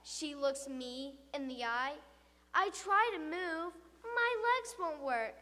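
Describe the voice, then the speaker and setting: In a reverberant hall, a woman with a high voice slowly and heavily acts out a frightened school pupil spinning a tall tale in rhyming verse. The comic monologue is theatrically recited, dramatic and expressive, with a panicked, doomed mood.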